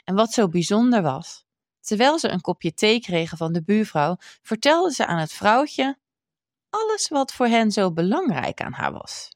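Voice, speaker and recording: A woman reading a children's storybook aloud in an expressive, measured way. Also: lowish voice, no echo, studio quality.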